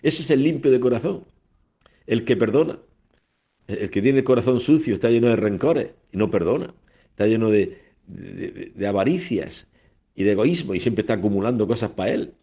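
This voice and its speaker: A man's voice: fairly low pitch, lively intonation, normal speed, vocal fry, warm tone. A man preaching a sermon on the radio, emphatic, with repeated phrases and rhetorical questions.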